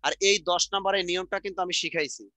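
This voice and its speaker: Middle-aged man, high voice, dry close sound, drills and repeats. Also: steady tone, bright, forceful tone, no room sound. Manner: repetitive, drills sounds out slowly, asks the class questions. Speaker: teacher. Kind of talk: online exam-prep grammar lesson.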